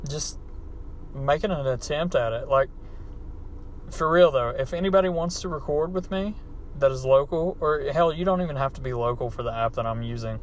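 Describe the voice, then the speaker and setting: A man's voice: mid-range voice, normal speed. A man with an Appalachian hillbilly accent recording a casual, unscripted, profane and self-deprecating podcast monologue in a car. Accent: Appalachian hillbilly American. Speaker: podcast host. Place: inside a car. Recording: background car noise, amateur setup.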